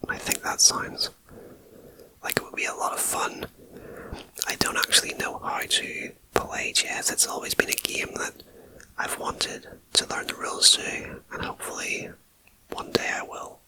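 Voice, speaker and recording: Slow, soft ASMR whisperer reading facts. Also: rough recording. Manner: slow soft whisper with chatty personal asides. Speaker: ASMR host. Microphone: binaural ear-to-ear microphone.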